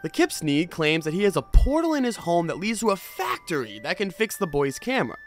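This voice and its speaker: With soft music playing underneath, a man talks in a high, sing-song voice at a slightly fast clip. As host of a horror video review channel, he gives scripted commentary in an informal, story-like manner, adding casual asides.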